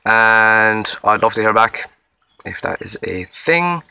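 A young Irish man with a Limerick accent talks through a rambling, self-deprecating audition tape, recorded outdoors in the woods. His voice is low-pitched, yet bright and forceful in tone. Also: animated, takes it slowly, gravelly, smooth, lo-fi sound. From Limerick, Ireland. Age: young adult. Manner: rambling, self-deprecating, with many fillers and restarts. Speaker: acting auditionee. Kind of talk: casual self-introduction to camera. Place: outdoors in a wood.

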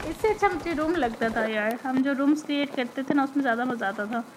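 A young woman from Pakistan, a game streamer with a hoarse throat, chatting and teasing viewers as she reads their comments during a live stream. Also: high-pitched, quick pace, noisy background. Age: young adult. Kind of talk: live-stream chat while gaming. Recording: loud gunfire from the game behind.

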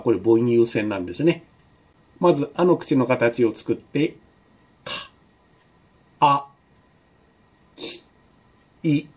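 A male university lecturer giving a recorded online lesson, explaining patiently with many fillers and slowing down to demonstrate sounds. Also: medium pitch, a little mellow, breathy edge.

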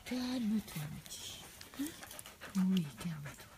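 Woman, live video at home, scolding and coaxing dogs, lively fairly high voice, noisy with dogs around. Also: takes it slowly. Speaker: dog owner streaming live. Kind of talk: casual live video talk. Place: at home, indoors.

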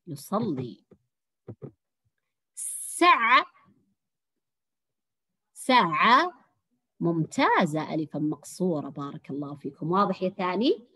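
A woman teaching a lesson to young girls, praising each answer and sounding out words slowly. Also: low voice, husky. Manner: warm praising teacher, drawn-out encouraging words. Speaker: primary school teacher. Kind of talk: online Arabic language lesson for young girls.

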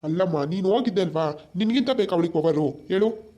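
A man playing an easygoing husband who keeps telling his angry wife to calm down, in an amateur village family drama. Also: sits high, fairly quick. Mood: placating. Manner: soothing, placating.

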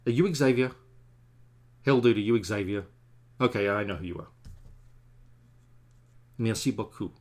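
Here the comic artist, a man in his forties, speaks at a measured pace with frequent pauses in a lowish voice. He draws at his desk at home and chats to stream viewers in a rambling, self-deprecating manner.

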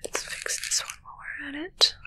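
In a whispered ASMR roleplay, a woman plays a haughty, fussy witch tending her undead familiar, her voice pushed and bright. She murmurs breathily, slowly and condescendingly into a close ASMR mic. The scene is a small, dark indoor room with curtains.

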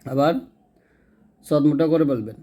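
A man teaching Quran reading, slowly spelling out letters and repeating each sound several times. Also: mid-range voice, mellow. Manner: checks in with the listener now and then. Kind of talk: recitation lesson, spelling out letters.

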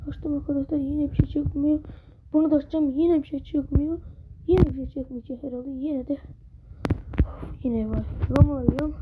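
Woman host, high voice, impatient and fed up, looping words; muffled recording with clear background hiss. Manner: impatient, exasperated, repeats words over and over. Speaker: mobile gaming channel host. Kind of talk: casual gameplay commentary. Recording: dull lo-fi sound with steady background noise.

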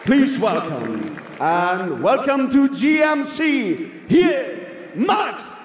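Booming, swooping male ring announcer in echoey arena. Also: sing-song. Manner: grand, ceremonial, building to drawn-out calls. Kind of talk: boxing ring announcer introductions, drawn out and shouted. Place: large indoor fight arena. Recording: echoey arena PA with crowd noise.

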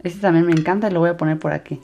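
Sing-song woman, soft mellow tone, music behind. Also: fairly low pitch, fairly even intonation, very fast, vocal fry. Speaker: host of a slime craft channel. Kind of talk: hands-on craft narration for children. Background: background music.

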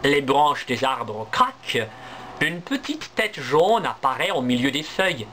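Slow expressive male storyteller. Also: mid-range voice, a little hiss or hum. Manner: clear, expressive, deliberate. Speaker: language teacher. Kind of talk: slow storybook reading for learners.

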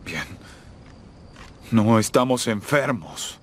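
A man's voice: lowish voice, very animated, slow pace, heavy background noise. A man voicing a desperate father fleeing an outbreak in a video game dub, urgent and pleading. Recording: game soundtrack music behind.

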